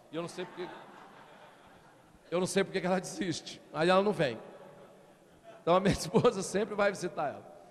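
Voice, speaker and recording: A middle-aged man preaching from the pulpit, his pitch swinging widely as he keeps calling out to the congregation. His voice sits a little high for a man, and it rings out with a long reverb in a church hall. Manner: animated preaching, constant appeals to the congregation. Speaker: pastor. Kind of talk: sermon.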